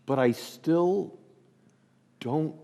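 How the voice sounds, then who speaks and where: A man playing an earnest male news interviewer who keeps asking slow, baffled follow-up questions in a comedy sketch. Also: on the high side, gravelly, mellow, full character voice. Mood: puzzled. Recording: long hall reverb.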